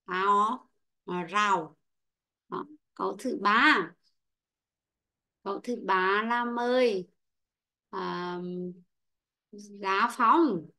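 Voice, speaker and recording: A woman's voice: medium pitch, drawn-out words, pauses often, pushed and bright. A woman teaching an online English lesson, patiently calling on pupils by name and explaining word stress. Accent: Vietnamese.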